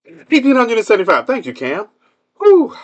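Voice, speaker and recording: A man's voice: very high-pitched, wildly swooping pitch, normal speed, muffled recording. Sarcastic man ranting on a livestream. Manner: sarcastic, rhetorical questions to the audience; hums a tune while waiting. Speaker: livestream host. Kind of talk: casual political commentary monologue.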